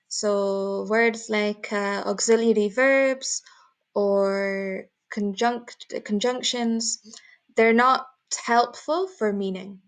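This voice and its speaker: Slow, careful woman teaching English. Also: medium pitch, steady tone, poor audio. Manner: says "okay" often, repeats model sentences. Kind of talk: slow, careful grammar lesson.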